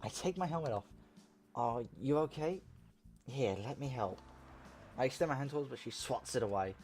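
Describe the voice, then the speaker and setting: A man hosting a let's play, reading a visual novel aloud in an animated way. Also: medium pitch, moderate pace, soft background music. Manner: animated reading, laughs and shouts at tense moments.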